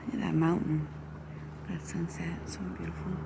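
A woman's voice: lowish voice, fairly even intonation, normal speed, gravelly. A woman along for a round of golf, making easygoing, playful remarks. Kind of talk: casual chat. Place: outdoor golf course. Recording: loud outdoor noise.

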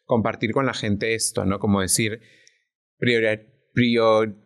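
Un hombre invitado a un pódcast que habla de forma sincera y reflexiva, y que busca a menudo la confirmación de su interlocutora. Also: male voice, fairly low pitch, flat delivery, a little slow. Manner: earnest, reflective, often checks in with "¿no?". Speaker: podcast guest. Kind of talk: casual podcast conversation.

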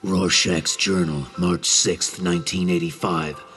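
A man voicing a grim, paranoid masked vigilante in a comedy parody, in a clipped, gravelly deadpan. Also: sits low, unhurried, soft background music.

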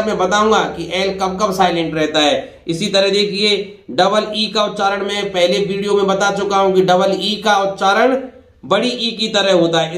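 A man's voice: high-pitched, fairly bright tone, reverberant. A man in his fifties teaching English pronunciation to Hindi-medium students, explaining patiently and often saying "dekhiye" and "bhai".

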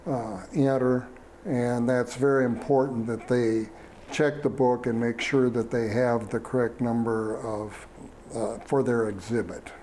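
A man, speaking slowly with many fillers and restarts as a fair superintendent in a studio interview. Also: mid-range voice, steady tone, darkish tone, a little hiss or hum. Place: small TV studio. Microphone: lapel mic.

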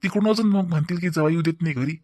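A man plays a talkative young village husband in a cartoon family drama. He rattles on quickly. His voice is pitched high for a man. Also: darkish tone, lightly acted. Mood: explaining. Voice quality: chatty, reproachful, explaining at length. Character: fussing young husband and brother-in-law, talkative. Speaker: cartoon voice actor.

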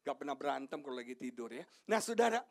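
A middle-aged male pastor preaching an animated sermon, swinging from shouted lines to hushed asides and joking with the congregation. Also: medium pitch, quick pace, creaky. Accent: Indonesian. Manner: jokes with the congregation, asks them questions. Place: church sanctuary.

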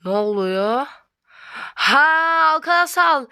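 A female gamer narrates her play in a high, bright voice, chatty and quick to flare up into loud frustrated yelling. She talks straight at her viewers the whole time. The sound is close and dry, with no room around it. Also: clear, resonant tone, dry recording. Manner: excitable, keeps addressing viewers as friends. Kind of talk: let's-play commentary.

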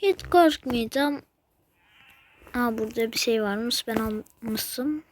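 A woman giving gameplay commentary as a channel host, with jumpy, scared exclamations and slow, halting talk. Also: fairly high pitch, slight background noise.

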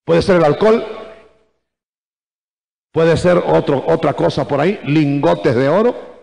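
A man's voice: on the high side, vocal fry. Emphatic preacher man in an echoey hall. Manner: emphatic, rising to shouts; repeatedly addresses listeners as brother. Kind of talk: sermon. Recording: echoey church hall, 1980s recording.

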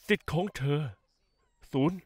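An actor playing a smug, scheming in-law who taunts and mocks in a dubbed soap opera. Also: male voice, unhurried, no echo, lightly acted. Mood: taunting. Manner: mocking, taunting.

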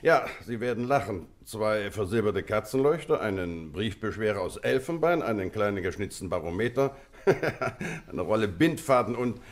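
An actor playing an affable old-school army colonel in a German radio play, hearty and chatty. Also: male voice, lowish voice, lively intonation, moderate pace. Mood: chatty, recounting. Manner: hearty, chatty, clipped tag questions.

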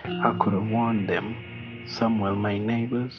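A middle-aged Rwandan man reading a personal apology in a slow, solemn, measured way, heard over muffled video call audio. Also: fairly low pitch, fairly even intonation, over music. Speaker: interview guest.

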